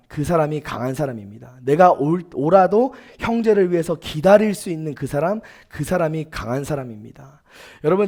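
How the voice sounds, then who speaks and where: A man's voice: fairly high pitch, darkish tone. A young man preaching a sermon as youth pastor, earnest and emphatic, telling personal stories with quoted dialogue. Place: church sanctuary.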